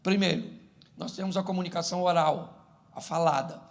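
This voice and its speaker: Pastor guy joking thru his sermon, highish voice w some rasp. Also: moderate pace. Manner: humorous, animated, acts out domestic scenes.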